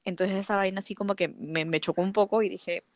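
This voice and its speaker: A woman's voice: mid-range voice, fast, no room sound. A young woman casually telling a personal story, acting out the dialogue with lots of fillers. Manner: lively, acts out quoted dialogue, frequent fillers.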